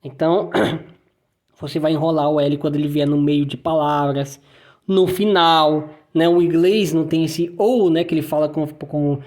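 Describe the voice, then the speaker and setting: A woman's voice: low voice, fairly even intonation, normal speed, mellow. A woman with a Brazilian Portuguese accent teaching a German language lesson, patiently repeating letters and words for practice.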